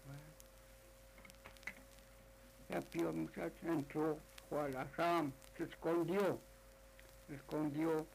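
Gravelly, slow-talking male folk storyteller. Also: fairly high pitch, level tone, a little mellow, slight background noise, low-quality recording. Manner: repetitive, full of "dice" and "le dijo". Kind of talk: oral folk tale telling.

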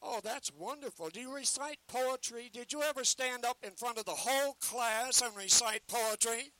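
A man working as a carnival sideshow talker, pitching live to a crowd in teasing, declamatory showman's patter. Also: moderate pace, sharp tone, low-quality recording.

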